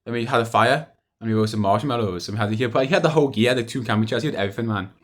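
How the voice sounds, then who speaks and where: Rambling young man with a low voice. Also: rapid-fire. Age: young adult. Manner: hesitant, repetitive, with trailing thoughts. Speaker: video diarist. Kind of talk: casual rambling monologue to camera.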